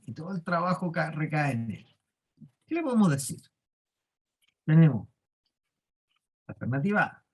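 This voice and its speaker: Chilean man teaching a workshop. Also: high-pitched. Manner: explanatory, keeps asking the class questions. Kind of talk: leadership class lecture.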